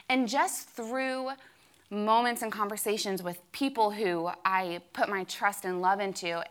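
A woman's voice: mid-range voice, pushed and bright. A woman in her thirties telling a personal faith story to a room of friends, candid and self-dramatizing, with many fillers. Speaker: speaker sharing a testimony. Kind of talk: church testimony talk. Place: room with an audience.

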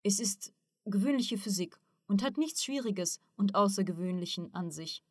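A woman reading the part of a calm, learned male teacher who explains things patiently in an audiobook. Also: medium pitch, moderate pace, husky, dry recording, clean studio sound. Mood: explaining.

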